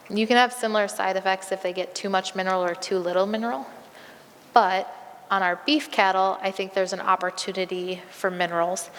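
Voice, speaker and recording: A woman veterinarian takes audience questions in a large hall. Her voice has a gravelly, fry-filled edge, and she sounds a little strained, as if she is losing it. The sound carries a long reverb with a faint hiss of room noise. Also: fairly low pitch, a bit bright. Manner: conversational, many um fillers, practical. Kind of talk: live Q&A at a presentation.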